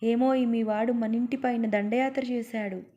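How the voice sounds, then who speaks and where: A teasing old husband of sixty-two who talks with dry humour, as a woman reading a story puts him on. The voice stays mellow and unhurried. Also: on the high side, steady tone, dull audio, lightly acted. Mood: wry. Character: retired man of sixty-two, teasing and wry.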